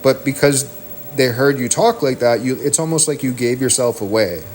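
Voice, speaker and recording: Guy streaming at home going off on a swear-heavy rant, middle pitch, bit of background hum. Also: moderate pace, darkish tone. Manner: heated, profane, rambling rant. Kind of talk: ranting stream talk.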